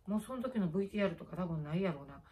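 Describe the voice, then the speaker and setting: With the highs cut off, a middle-aged woman's lowish voice races along, very animated. She's a YouTuber from the Kansai region of Japan, chatting late at night with a face pack on, rambling through tales and teasing herself.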